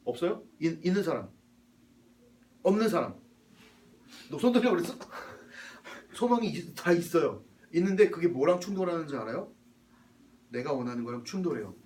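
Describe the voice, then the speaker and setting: A man's voice: fairly high pitch, darkish tone, recorded from a distance, a little hiss or hum. A man giving a sermon in a casual, conversational way, dropping in slang and English words. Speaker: pastor.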